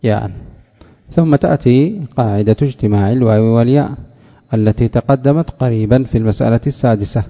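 Male teacher, mid-pitched, drawn-out examples, questions answered himself, dull lo-fi lecture recording. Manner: asks the class questions and answers them himself, drawls example words slowly. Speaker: teacher of Arabic morphology. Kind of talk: classroom lecture. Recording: dull lo-fi recording with long hall reverb.

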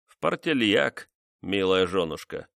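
A man voicing a cruel, vengeful nobleman who mocks his wife in a slow, menacing way. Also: low-pitched, very animated, gravelly, a bit bright, no room sound, clean studio sound, full character voice. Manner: mocking, menacing, measured.

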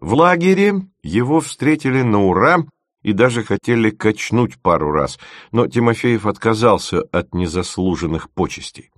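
Low-voiced man narrating a story. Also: expressive, normal speed, no room sound, studio quality. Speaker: audiobook narrator. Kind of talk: scripted narration.

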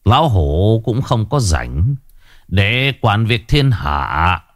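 A man voicing a wise old hermit sage who speaks slowly and calmly with a detached air, in a storybook reading. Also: fairly low pitch, no echo, studio quality. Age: over 60 (figure). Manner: slow, unhurried, detached.

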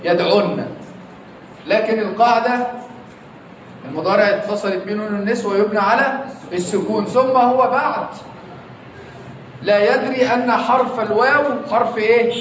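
A man's voice: sits high, steady tone, moderate pace, long pauses, fairly bright tone, slight background noise. A man with an Egyptian accent teaching grammar in a classroom, quizzing his students again and again. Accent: Egyptian Arabic. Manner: quizzing students with repeated questions. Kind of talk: classroom lesson. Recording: echoey classroom, distant, dull lo-fi.

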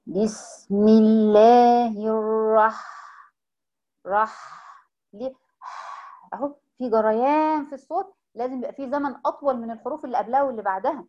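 A woman with an Egyptian accent teaches a recitation lesson in a fast, slightly high voice. She breaks each point into small steps and keeps checking that her students understand. The recording is dull and lo-fi. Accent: Egyptian Arabic. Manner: explains step by step with frequent check-ins.

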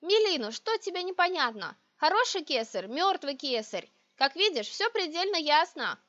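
A woman's voice: high-pitched, lively intonation, brisk, fairly bright tone, pitched above the performer's own voice. A woman voicing an imperious, sarcastic young sorceress who talks in cold, demanding tones. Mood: cutting. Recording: dry, dull lo-fi recording.

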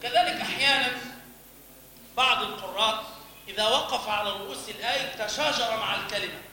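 In an echoey hall before an audience, a religious teacher with an Egyptian accent lectures on the call to prayer, chanting example lines and quizzing his students. His voice sits high and moves a little fast, with a bright, forceful tone.

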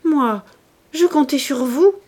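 A woman's voice: high voice, slow pace, darkish tone, voice pushed up. A woman voicing a plump, complaining middle-aged lady who reproaches an old friend in a plaintive, wheedling tone.

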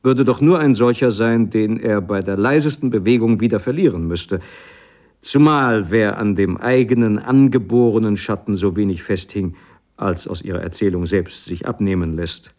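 A man's voice: lowish voice, moderate pace, darkish tone, natural voice. A man reading as a stern old painter-professor. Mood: admonishing.

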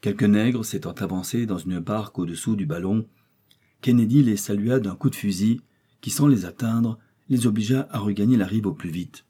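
Male audiobook narrator: measured, low, dark, slightly husky. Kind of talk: scripted narration.

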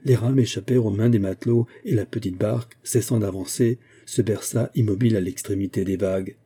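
Dark, husky-voiced male narrator. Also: fairly low pitch. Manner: measured, even storytelling. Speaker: audiobook narrator. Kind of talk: scripted narration of a classic novel.

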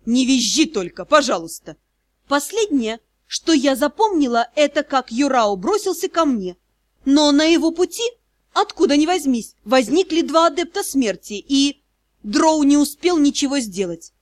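Brief: high female audiobook narrator, even delivery, very dry close sound. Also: moderate pace, dry recording. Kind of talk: scripted first-person narration.

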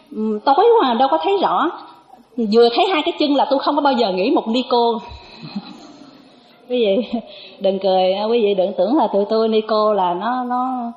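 A Buddhist nun gives a sermon, her fairly high voice lively as she spins a story and voices its characters. The recording is dull and lo-fi, with a roomy echo. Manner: animated storytelling, acts out dialogue, laughs with the audience. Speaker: Buddhist nun giving a dharma talk.

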